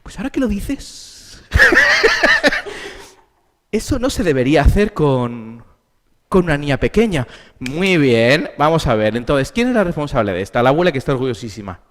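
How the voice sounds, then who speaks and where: A man with a Spain Spanish accent gives a conference lecture, his mid-range voice rising and falling with lively emphasis. He talks to the audience with rhetorical questions, and his words ring out with a long reverb in a big hall. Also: mid-range voice, brisk. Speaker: therapist giving a symposium talk.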